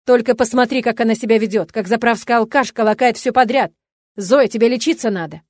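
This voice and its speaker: A woman voicing a cruel, contemptuous middle-aged father who shouts and sneers insults. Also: on the high side, fast, no echo, clean studio sound, lightly acted. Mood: raging.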